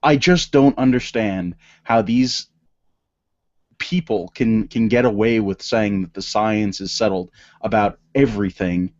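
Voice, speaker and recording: Male podcast host, low voice, rambling, stammering, dry dull lo-fi sound. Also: measured pace, darkish tone, no echo. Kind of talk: casual political podcast chat.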